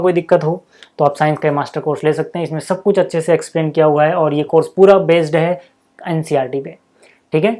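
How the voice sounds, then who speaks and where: A man walks through maths problems one step at a time in a relaxed, talkative teaching voice, pausing often to check that everyone is following. He keeps things informal and friendly with the viewers, like a tutor talking a class through homework. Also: on the high side. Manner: chatty, checks in with "thik hai" after each step; addresses viewers informally as "bhai sahab" and "yaar". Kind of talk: casual step-by-step lesson.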